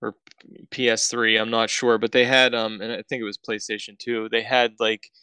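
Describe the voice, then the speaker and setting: A man's voice: fairly low pitch, little pitch movement, moderate pace, sharp tone, smooth, no echo. A man co-hosting a podcast, chatting in an easygoing way with stammering restarts. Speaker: podcast co-host. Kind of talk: casual chat.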